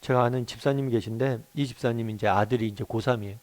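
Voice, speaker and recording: A man's voice: mid-range voice, steady tone, fast, a little mellow. Earnest man preaching a morning devotional. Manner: earnest, questioning the listeners, repeats "정말" and "여러분". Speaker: pastor.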